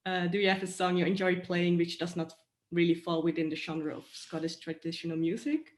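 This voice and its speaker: Lowish woman interviewer in a roomy space. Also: fairly even intonation, fairly quick. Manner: polite, hesitant, many fillers. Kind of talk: video call interview. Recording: roomy echo.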